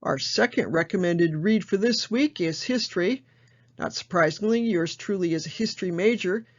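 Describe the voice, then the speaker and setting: A woman librarian hosting a book show, reading reviews aloud in a measured way with small asides. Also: lowish voice. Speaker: librarian host. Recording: dull lo-fi sound.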